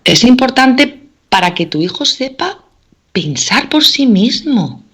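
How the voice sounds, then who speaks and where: A middle-aged teacher from Spain chats casually as a guest, peppering her speech with "o sea" and "¿vale?". Her voice is a little high and fairly bright with a breathy edge, swinging widely in pitch at a slow pace.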